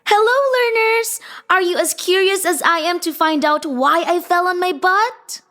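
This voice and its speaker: A woman's voice: very high voice, unhurried, a bit bright. A woman playing a curious, whiny, good-humoured young female athlete in an educational audio drama, with playful, questioning exaggeration. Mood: curious, puzzled.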